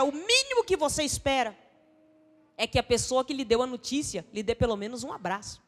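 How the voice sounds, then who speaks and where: Brazilian lady preacher, high voice, big church reverb, goes from shouting to almost whispering. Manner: dramatic, swings from shouting to hushed tones; acts out quoted dialogue. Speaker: pastor, missionary preacher. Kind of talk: sermon. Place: church hall. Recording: long church-hall reverb.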